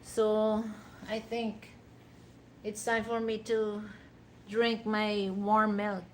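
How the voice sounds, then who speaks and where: Hosting a livestream, a woman from the Philippines chats and rambles casually, using plenty of "you know" fillers; her first language is a Philippine language other than Tagalog. She speaks extremely slowly in a monotone, medium-pitched voice, with slight hiss or hum in the background.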